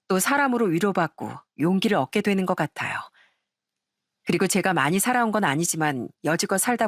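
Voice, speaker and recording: Calm woman narrating a story. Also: fairly low pitch, dry recording, studio quality. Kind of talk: scripted first-person story narration.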